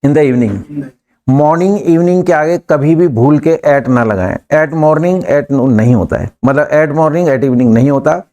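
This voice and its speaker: A man's voice: on the high side, measured pace, dark tone. A man with an Indian accent teaching an English class live, repeating prompts and urging his students to hurry and answer.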